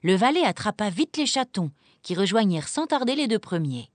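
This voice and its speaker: A woman narrating a children's storybook, reading in an expressive, animated way. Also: medium pitch, brisk, dry recording.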